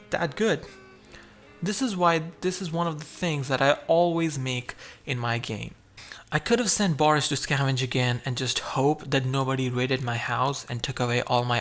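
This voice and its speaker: A man's voice: medium pitch, a bit bright. A man narrating his own survival game playthrough, chatty and explaining each move as he goes. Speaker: gameplay narrator.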